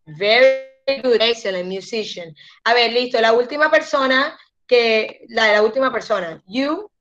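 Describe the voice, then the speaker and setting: A woman's voice: on the high side, a bit bright, lo-fi sound, soft background music. Patient woman teaching an online English class. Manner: patient, slows down to model pronunciation.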